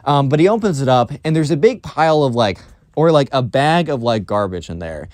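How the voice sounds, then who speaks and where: A man narrating a storytime vlog in a loose, rambling way, stacking up fillers as he goes. His pitch sits right in the middle and the sound is dry and close, with no room to it. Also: lively intonation, brisk, darkish tone, dry recording. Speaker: storytime YouTuber.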